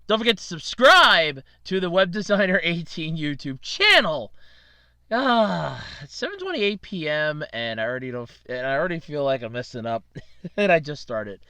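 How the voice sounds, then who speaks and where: With a slightly high, bright, forceful voice and no echo, a solo podcaster chats casually. His allergies have made his throat scratchy, and he rambles along, catches and corrects himself, and lets out little laughs.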